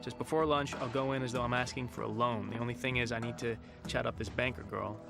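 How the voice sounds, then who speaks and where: A man narrating his story in a calm, reflective film voice-over. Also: medium pitch, quick pace, vocal fry, over music.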